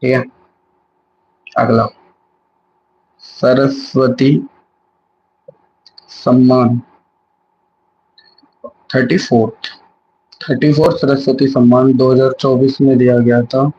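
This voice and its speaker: Young guy doing a live exam revision, slow chatty delivery, kinda dull lo-fi audio w faint noise. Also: mid-range voice, level tone. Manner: slow, chatty, mixes English words into Hindi, self-correcting. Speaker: exam prep teacher.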